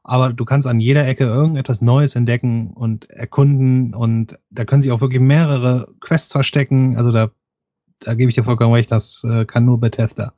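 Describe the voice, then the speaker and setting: A man's voice: mid-range voice, fairly even intonation, normal speed, warm tone, no room sound, clean studio sound. A man co-hosting a casual gaming podcast, agreeable and hesitant, often restarting his sentences.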